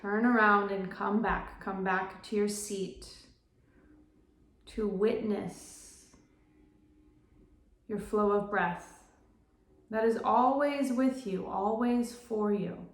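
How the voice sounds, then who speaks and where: A woman guiding a slow breath-counting meditation, giving gentle, measured instructions in short phrases with pauses. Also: medium pitch, steady tone. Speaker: meditation guide. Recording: roomy, echoing sound.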